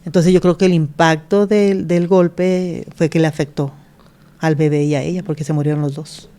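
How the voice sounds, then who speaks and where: With a voice that sits low and mellow, fairly even in intonation and moderate in pace, a middle-aged pastor gives an earnest interview about her life. She retells moments by acting out what people said.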